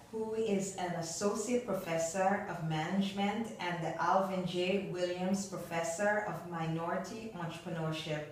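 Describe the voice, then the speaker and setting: A woman hosting an interview, upbeat and encouraging as she introduces her guest and asks questions. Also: fairly low pitch. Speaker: interview host. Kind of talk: hosted interview. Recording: echoey room, distant mic.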